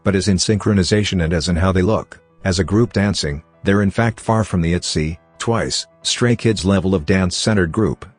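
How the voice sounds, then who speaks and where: A synthetic text-to-speech male voice reading a scripted music commentary for a vlog in an even, machine-like delivery. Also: low voice, moderate pace, few pauses, no echo. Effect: text-to-speech robot voice. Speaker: channel host.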